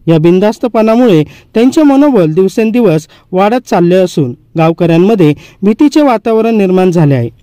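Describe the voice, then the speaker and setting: High, lively male news voice. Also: no room sound. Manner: measured, formal reading. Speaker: news reporter. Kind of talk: read news report voice-over.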